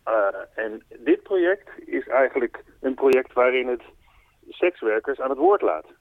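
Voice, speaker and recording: Man on a phone line, mid-pitched, earnest spokesperson explaining his project patiently; tinny, dry call audio. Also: lively intonation, a little slow, dry recording. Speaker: spokesperson for a foundation, interviewee. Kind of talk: radio phone interview. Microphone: telephone.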